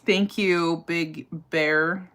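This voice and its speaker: A woman's voice: on the low side, steady tone, extremely slow, a bit bright. A woman, chatting casually on a livestream while doing her makeup, answering viewer questions about criminal law with plenty of fillers and asides. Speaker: livestream host and criminal defense lawyer.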